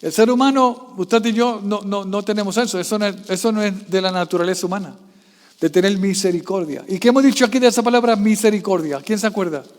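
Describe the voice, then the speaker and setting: Very high-voiced guy preaching in church, keeps firing questions at the crowd, big echoey hall. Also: quick pace. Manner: quizzes the congregation with constant questions; swings from soft low asides to loud raised passages. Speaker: pastor. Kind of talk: sermon.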